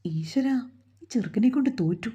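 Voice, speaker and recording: A woman's voice: on the high side, lively intonation, normal speed, warm tone, breathy edge. A woman voicing an anxious, loving middle-aged mother who soothes her daughter and prays in a pleading way. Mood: soothing, worried.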